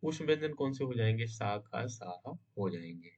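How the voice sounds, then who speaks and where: A man's voice: medium pitch, animated, moderate pace, a little mellow. A man teaching an exam-prep grammar lesson, asking himself questions and answering them, often checking in with his students. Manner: checks in with "है ना?" and "समझे?". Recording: dull lo-fi sound.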